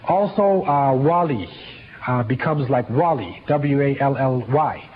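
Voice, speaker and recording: A man giving a history lecture in a measured, halting way, with many fillers and restarts. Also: mid-range voice, expressive. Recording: dull lo-fi lecture recording with faint hiss.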